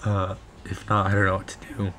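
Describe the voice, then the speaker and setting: A man in his twenties with a hoarse, lost voice that breaks into whisper, chatting casually to a vlog camera in a small bedroom. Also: deep voice, completely flat delivery, fairly quick, pushed and bright, slight background noise. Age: 20s. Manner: weak on-and-off voice dropping to whisper. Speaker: vlogger.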